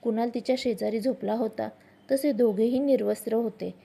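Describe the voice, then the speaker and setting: A woman narrating a story in a steady, unhurried reading voice. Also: a little high, creaky, husky.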